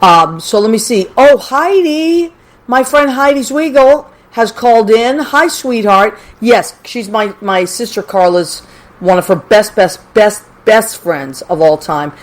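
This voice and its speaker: A woman's voice: medium pitch, measured pace. An American woman casually hosting a livestream call-in show, chatty and effusive, speaking affectionately with plenty of endearments. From Massachusetts, United States.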